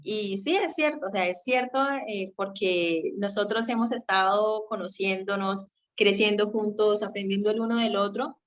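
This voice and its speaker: A young Colombian woman, a guest on a marriage radio segment, gives a conversational teaching talk, explaining points and checking for agreement. Her mid-range voice moves at normal speed with hardly any pauses, and the sound is slightly dull and lo-fi.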